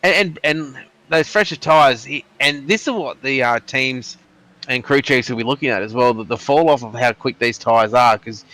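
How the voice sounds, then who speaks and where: A man's voice: medium pitch, moderate pace, pushed and bright, low-quality recording. A man giving live motorsport commentary on a sim race.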